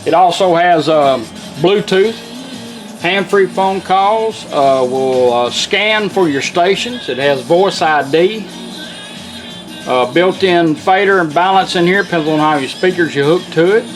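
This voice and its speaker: Music runs behind a high-pitched man who takes his time, an unhurried car radio builder demonstrating a product. He goes through it step by step in a plain, informal way.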